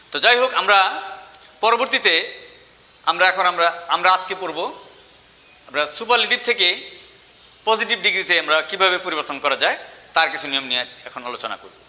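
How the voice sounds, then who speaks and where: A male English teacher with a Bengali accent gives an online grammar lecture, slowly spelling out each word form. His voice sits high and rings very bright. A long reverb trails his words, as if he were recorded in a hall. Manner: slow, deliberate, spells out word forms one by one.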